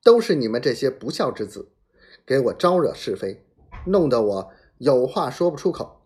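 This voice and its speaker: A man's voice: medium pitch, very animated, takes it slowly, slightly rough, exaggerated voice. A man voicing a furious 65-year-old general who scolds and bellows at his sons. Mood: angry scolding.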